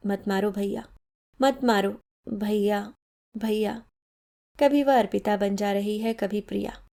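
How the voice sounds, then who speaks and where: A woman storyteller reading a literary short story in a measured, dramatic way. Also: medium pitch, mellow. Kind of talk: scripted literary narration.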